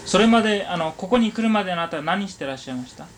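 A man conducting an oral history interview, asking polite, halting questions and giving frequent small acknowledgements. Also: high voice, expressive, a little hiss or hum. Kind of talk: gentle question-and-answer interview.

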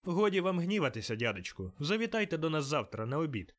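A man voicing a cheerful, warm-hearted young nephew who speaks up high and eagerly. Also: big pitch swings, quick pace. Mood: eager, pleading. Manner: bright, eager, raised voice.

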